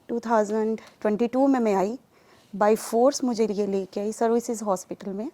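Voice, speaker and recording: A woman's voice: a little high, fairly even intonation, mellow. A woman from Pakistan giving an earnest personal testimony in an interview, growing emphatic and pleading as she recounts. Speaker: testimony giver.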